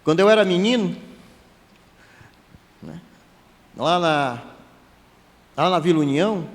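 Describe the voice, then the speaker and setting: Lively man preaching in a hall. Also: a little high, slow pace. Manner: lively, conversational preaching with asides and self-deprecating jokes. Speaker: church elder preaching. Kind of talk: sermon. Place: church hall. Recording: long hall reverb.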